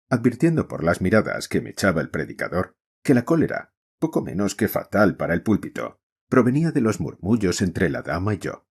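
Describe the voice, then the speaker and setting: A man narrating an audiobook in an expressive storytelling manner. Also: low voice, slightly rough.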